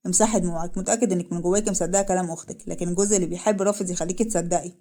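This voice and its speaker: A woman with an Egyptian accent voicing a protective young officer who gives calm, earnest advice. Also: lowish voice, racing, close to an everyday voice. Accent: Egyptian Arabic.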